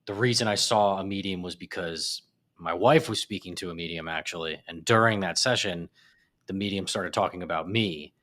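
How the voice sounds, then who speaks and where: A man talking as a podcast guest in a casual conversation, lively and enthusiastic, with animated asides. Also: deep voice, moderate pace.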